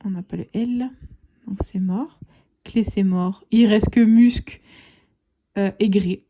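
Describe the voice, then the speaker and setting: A woman's voice: mid-range voice, fairly even intonation, slow, dark tone. A woman hosting a casual video, scratching lottery tickets and chatting to her viewers as friends, sometimes dropping to a half-whisper. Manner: chatty, addresses viewers as "les copains". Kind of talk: casual scratch-card commentary.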